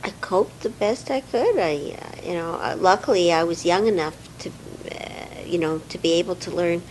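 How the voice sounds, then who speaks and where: An older woman from Romania, recalling her childhood in a hesitant, reflective home interview with many pauses and fillers. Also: on the low side, slight background noise, poor audio. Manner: hesitant, many fillers, soft trailing words.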